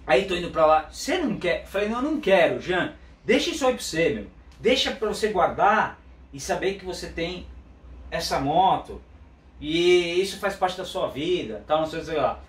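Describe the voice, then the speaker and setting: Here a male motorcycle vlogger casually recounts a story, acting out both people in every exchange. His voice sits high and fairly bright, with lively intonation at a moderate pace. It's recorded from a distance in a roomy room where a faint hum lingers.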